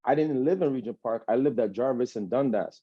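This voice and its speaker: His voice mid-range and slightly rough, a Jamaican-accented man in his thirties talks a little fast while recounting his own story in a sit-down interview. He rambles and keeps asking "you know what I'm saying." The recording is dull and lo-fi, with no room sound.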